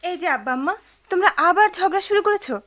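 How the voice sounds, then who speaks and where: A defiant, restless young daughter in a 1990s radio drama. Her voice is very high and swings widely, and she talks back in a petulant, animated way. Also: quick pace.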